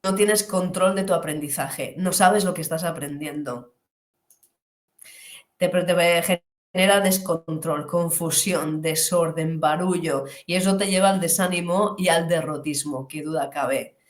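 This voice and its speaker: A woman teaching pronunciation in an online class, animated, slowly stretching the model words she demonstrates. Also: fairly low pitch, roomy sound.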